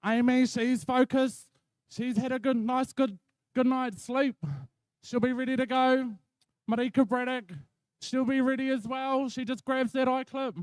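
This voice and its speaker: High-pitched male commentator with Maori New Zealand accent. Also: little pitch movement, measured pace, clean tone, no room sound, low-quality recording. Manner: colloquial, repeats catchphrases. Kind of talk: live wool-handling competition commentary.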